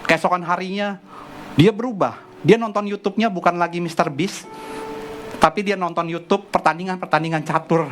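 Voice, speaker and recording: A middle-aged male pastor preaching at a church service, telling a family story in a chatty, animated way. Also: high-pitched, fairly quick, a little hiss or hum. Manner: chatty, animated anecdote telling with acted quotes. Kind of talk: sermon with personal storytelling. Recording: music playing underneath. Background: background music.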